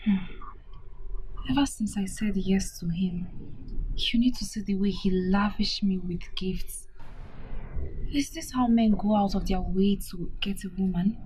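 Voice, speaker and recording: An actress playing a young bride-to-be, soft and wistful. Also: female voice, mid-range voice, unhurried, pauses often, a little hiss or hum, natural voice, rough recording. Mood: wondering. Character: young bride-to-be, anxious and tearful. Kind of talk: film acting.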